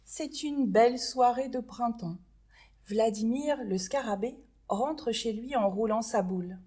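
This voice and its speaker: A woman librarian reading a children's story aloud, expressive and clear for small children. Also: on the high side, a little slow.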